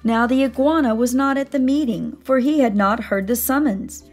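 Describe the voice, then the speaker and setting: Animated woman reading a storybook aloud. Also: a little high, normal speed, faint music behind. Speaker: storybook reader. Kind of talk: expressive read-aloud narration.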